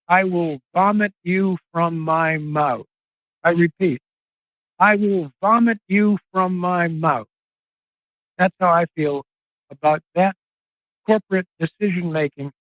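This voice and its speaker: Older male reporter guest, high-pitched, earnest and emphatic in an interview, dry dull podcast sound. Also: no echo. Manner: earnest, emphatic, drawn-out phrasing. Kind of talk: impassioned interview monologue.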